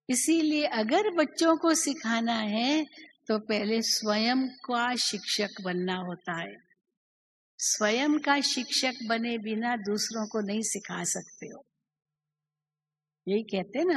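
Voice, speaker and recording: A woman's voice: fairly high pitch, slight background noise, poor audio. A woman teaching a spiritual class, asking her listeners many questions and acting out the quoted speech.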